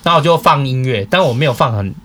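A man's voice: mid-range voice, fast talker, soft background music. A man hosting a podcast, chatting casually and acting out conversations as he tells a story. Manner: animated, quoting people in dialogue. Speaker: podcast host.

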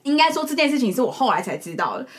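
Lively high-voiced young woman telling a story. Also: very fast. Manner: animated, giggly, many restarts and fillers. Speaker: podcast co-host. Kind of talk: casual storytelling chat.

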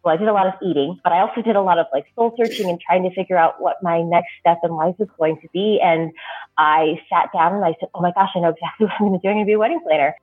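A woman with a lower, somewhat husky voice tells a personal story in a relaxed, rambling way, full of ums and restarts. Her sound is thin and metallic, like talking through a tin can, picked up by a built-in laptop microphone. The recording is tinny and lo-fi. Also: rapid-fire. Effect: tinny metallic tin-can sound from a laptop mic. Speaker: wedding planner, podcast guest. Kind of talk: podcast interview, personal story. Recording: tinny lo-fi laptop mic audio.

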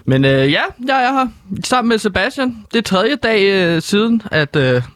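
Bumbling young man with a higher voice. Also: sing-song, a bit bright, dry recording, clean studio sound. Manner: playful, bumbling, blurts catchphrases. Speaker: co-host, news reporter. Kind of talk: casual comedic banter. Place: radio studio.

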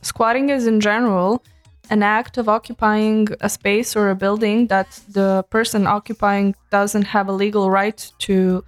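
A woman's voice: medium pitch, flat delivery, unhurried, faint music behind. A woman from Serbia co-hosting a podcast, explaining things in a casual way and laughing easily. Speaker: podcast co-host.

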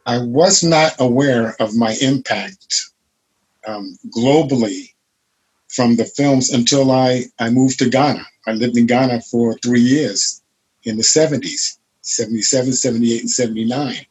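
A man with a husky voice speaks on a panel, recalling his past in a reflective, storytelling way. His pitch sits in the middle range. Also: measured pace, rough recording. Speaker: martial arts master, panel guest. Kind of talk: panel discussion.

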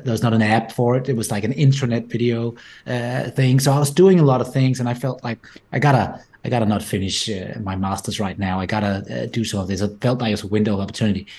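A man's voice: mid-range voice, steady tone, quick pace, a little mellow. A man in his forties from Denmark with a Danish accent, a guest on a podcast interview, talking thoughtfully with many restarts. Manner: frequent restarts and repeated words, thoughtful. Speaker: guest entrepreneur.

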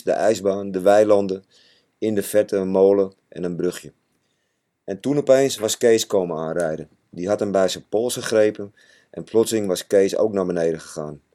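A man narrating a children's storybook in a measured, expressive way. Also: low-pitched. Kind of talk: storybook reading.

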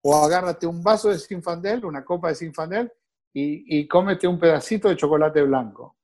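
Lively middle-aged sommelier. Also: male voice, on the high side, normal speed. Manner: lively, acts out the voices in his stories. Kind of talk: anecdotal storytelling.

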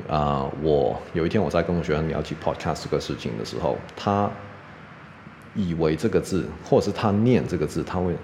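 A middle-aged man teaching English pronunciation on a podcast, chatty and relaxed, tagging "OK?" onto his sentences. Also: low-pitched, long reverb tail, slight background noise. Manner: relaxed, chatty, peppers speech with "OK?".

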